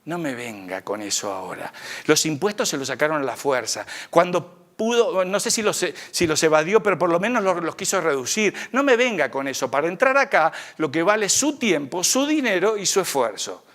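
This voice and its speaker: A man's voice: a little high, sing-song, moderate pace, fairly bright tone. A man voicing a stern old male saint guarding heaven's gate, questioning and dismissing newcomers in a dry, clipped way. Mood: dismissive.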